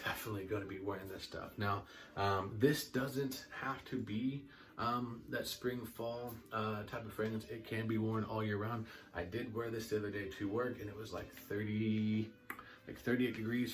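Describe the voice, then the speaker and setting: Young man, lowish voice, chatty and enthusiastic, fragrance review, a bit off-mic. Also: a bit bright, far from the mic. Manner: chatty, enthusiastic, many fillers and restarts.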